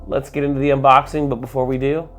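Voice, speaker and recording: A man's voice: mid-range voice, little pitch movement, quick pace, faint music behind. A man hosting a casual tech vlog, sick and slightly muffled, talking in a rambling, informal, enthusiastic way. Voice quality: muffled, congested. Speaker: tech video host.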